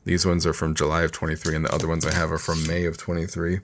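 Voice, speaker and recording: Weary low-pitched man ranting casually. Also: monotone, fast talker, a little hiss or hum. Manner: rambling, informal. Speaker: tech vlogger. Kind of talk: casual rant over screen demo.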